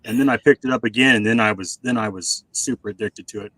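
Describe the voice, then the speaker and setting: A man's voice: lowish voice, quick pace, a bit bright, dry recording, poor audio. A man in his forties chatting casually on a video call, rambling with many fillers and restarts. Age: 40s.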